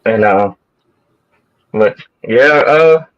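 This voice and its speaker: A guest kayak angler originally from Vietnam tells a casual story on a live show, rambling and hesitant, with many restarts. His voice sits on the low side and is expressive, with drawn-out words. The audio is muffled and lo-fi.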